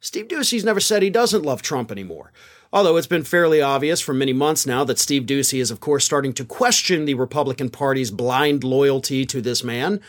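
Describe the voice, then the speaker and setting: A man's voice: medium pitch, lively intonation, fairly quick. A man delivering political news commentary in an incredulous, sarcastic, exasperated way. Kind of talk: scripted-sounding news commentary.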